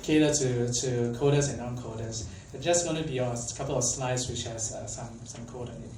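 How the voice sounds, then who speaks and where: This tech conference speaker, a young man from Malaysia, has a medium-pitched, slightly mellow voice and talks fairly quickly. His casual talk is chatty and filler-laden, with frequent questions to the crowd. The conference hall echoes, the mic sits at a distance, and there's faint background noise.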